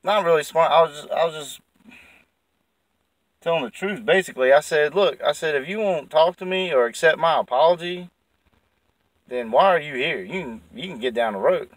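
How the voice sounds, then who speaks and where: A man's voice: a little high, normal speed, dry recording, far from the mic, poor audio. A man telling a story in a rambling, profane, heated way. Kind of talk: casual storytelling.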